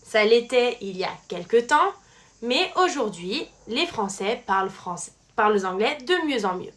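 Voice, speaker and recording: A woman teaching a French language lesson in a clear, scripted delivery. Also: a little high, sing-song, unhurried, fairly bright tone.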